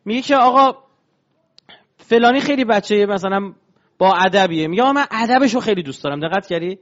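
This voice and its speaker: High-voiced man giving a religious lecture. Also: dull audio. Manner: explains step by step, asking the audience rhetorical questions.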